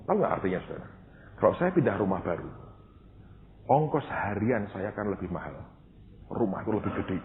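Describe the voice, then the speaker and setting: A male pastor preaching a storytelling sermon, acting out dialogue and swinging from loud to hushed. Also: on the low side, a little hiss or hum. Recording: tinny phone-like sound, long hall reverb.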